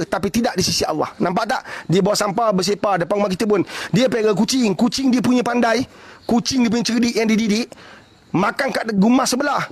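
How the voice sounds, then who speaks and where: Brief: Malaysian preacher, male, very high husky voice, dry close sound, keeps firing rhetorical questions. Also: no room sound. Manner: animated, repeats rhetorical questions like "understand or understand?"; folksy, blunt, joking asides. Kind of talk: casual preaching talk.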